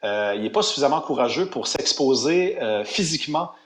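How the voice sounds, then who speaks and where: A man's voice: medium pitch, expressive, fairly quick, echoey room. A man with a Quebec French accent, giving emphatic opinions as a radio commentator, with many restarts and fillers.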